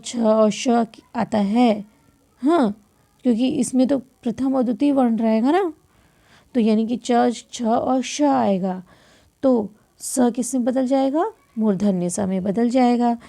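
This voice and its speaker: A woman with a fairly high, gravelly, dark-toned voice teaches a classroom grammar lesson without hurrying. She goes through each rule step by step, asking questions and answering them herself, clearing her throat now and then and fixing small slips as she goes.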